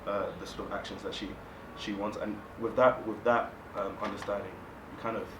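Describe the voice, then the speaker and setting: A man in a casual group discussion, speaking hesitantly and softly, with many pauses and fillers. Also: lowish voice, little pitch movement. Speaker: discussion panelist. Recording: echoey room, distant mic, background noise.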